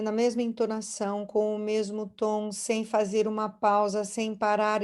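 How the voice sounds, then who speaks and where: Woman, university lecturer, online class over a video call, warm mellow voice, explanatory, rephrases mid-sentence. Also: mid-range voice.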